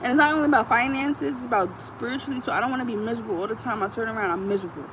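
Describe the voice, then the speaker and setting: Woman vlogger, high voice, blunt and profane, outdoors on a phone with traffic noise behind. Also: racing. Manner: animated, repeats lines for emphasis. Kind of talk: casual monologue to camera. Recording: noisy outdoor recording with traffic.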